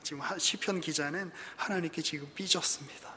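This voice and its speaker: A male pastor delivering a sermon, his voice sitting notably high. He keeps putting rhetorical questions to the congregation, and the sound hangs in a church hall with a long reverb. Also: brisk, sharp tone, a little hiss or hum.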